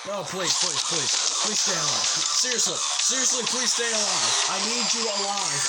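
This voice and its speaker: A man with a high voice gives eager commentary on his game, pleading and cheering at each fight. He talks at an unhurried pace, and loud game music fills the background. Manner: pleading, cheering at the game, then outro pitch. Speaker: gaming channel host. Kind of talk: excited gameplay commentary.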